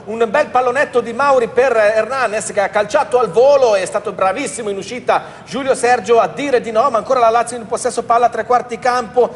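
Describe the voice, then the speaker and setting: Fast, high-pitched breathless male football commentator. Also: big-room sound, slight background noise. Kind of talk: live play-by-play commentary. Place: TV studio desk.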